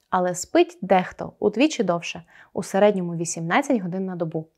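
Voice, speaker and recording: A woman teaching an online grammar lesson, explaining clearly and stressing each example word. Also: a little high, warm tone.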